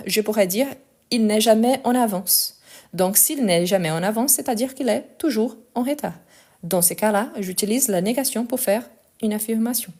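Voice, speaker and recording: Woman, non-native accent, French teacher on a live stream, patient explainer who drifts faster. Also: a little high, warm tone. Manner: tends to speed up while talking. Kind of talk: live online language lesson.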